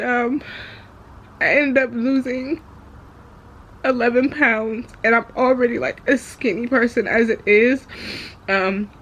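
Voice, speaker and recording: A woman talking candidly in a raw personal vlog, hesitant and halting as she confides in viewers. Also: mid-range voice, fairly bright tone, slight background noise. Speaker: vlogger. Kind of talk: raw confessional vlog talk.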